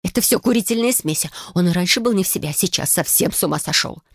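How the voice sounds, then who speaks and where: A woman's voice: on the low side, animated, fast talker, slightly rough, no echo. A woman voicing a tearful, frightened young noblewoman who pleads between sobs. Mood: distraught. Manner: pleading, sobbing.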